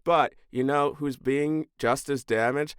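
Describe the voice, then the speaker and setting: A man co-hosting a podcast in casual chat, telling a story with animated, gleefully deadpan delivery. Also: mid-range voice, slow pace, smooth, dry recording, studio quality. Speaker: podcast co-host.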